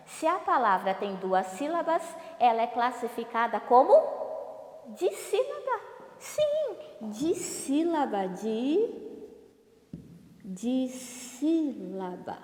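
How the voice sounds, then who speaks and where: Slow, lilting woman teacher. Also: sits high. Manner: slow, drawn-out syllables, asks questions and answers them. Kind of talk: remote televised class lesson. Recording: echoey room with long reverb.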